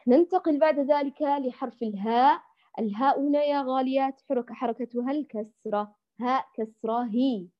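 Woman, Quran recitation tutor; patient, drills syllables; higher voice, muffled lo-fi audio. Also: fairly quick. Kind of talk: tajweed lesson for women. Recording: dull lo-fi audio.

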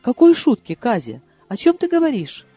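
A man reading a novel aloud and voicing an excitable young woman in love, who exclaims and pleads in quick questions. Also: very high-pitched, breathy edge, dry recording, faint music behind, pitched above the performer's own voice, heavily acted. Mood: excited.

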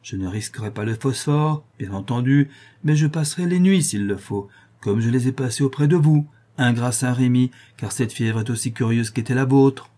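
A man voicing an eager, obsessive hospital doctor who speaks in an excitable, insistent way. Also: medium pitch, normal speed, close to an everyday voice.

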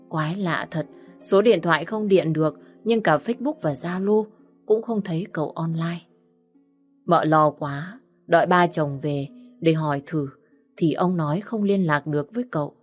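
Brief: female storyteller, lowish voice, steady narration, faint harp beneath.

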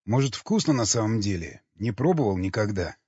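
A man reading an audiobook, voicing a cynical, mocking cannibal who teases and calmly questions. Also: fairly low pitch, brisk, slightly rough, no echo. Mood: cool questioning. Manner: sardonic, teasing, calmly questioning. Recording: dull lo-fi recording.

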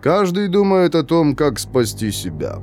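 A detached young convict in his twenties lays out the rules of survival slowly and evenly, as a male audiobook reader puts him on. His delivery is measured and lecturing, his pitch rising and falling freely. A faint music bed runs underneath. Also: big pitch swings, a little mellow. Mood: calm lecturing. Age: 20s.

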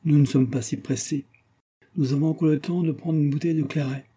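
A wrinkled little businessman, all cordial enthusiasm, leans in with a courteous, persuasive warmth, as a male audiobook reader puts him on. The voice sits a little higher than plain narration but stays dark and husky. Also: steady tone, a little fast. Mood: jovial.

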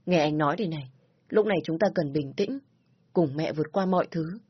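A woman voicing a calm young man in a spoken story, steady and comforting. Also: sits low, a little fast, husky, no echo, lo-fi sound. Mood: reassuring. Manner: soothing, steady. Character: calm reassuring young man, narrator's boyfriend.

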